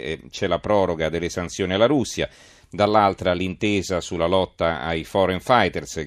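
A man's voice: low-pitched, no echo, studio quality. A man hosting a live radio press review, reading out headlines and commenting on them. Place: radio studio.

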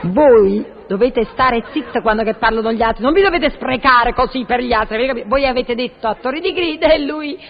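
A man's voice: very high voice, fairly quick, gravelly, hardly any pauses, exaggerated voice. A man playing a vain fake-French showgirl. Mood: pompous. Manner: mock-French phrases, giggly, pompous. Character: vain fake-French singer woman, boastful, silly. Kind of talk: vintage radio comedy sketch. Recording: dull lo-fi old radio recording.

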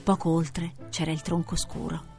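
A woman reading a children's fable aloud, with expressive, lively storytelling. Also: deep voice, moderate pace, creaky, faint music behind. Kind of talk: fairy tale reading for children.

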